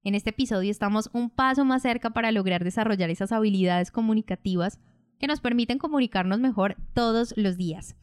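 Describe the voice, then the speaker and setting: Clear-voiced woman teaching calmly. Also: medium pitch, dry recording, studio quality. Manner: calm, measured, explanatory. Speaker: podcast host and public-speaking coach. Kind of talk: instructional podcast narration.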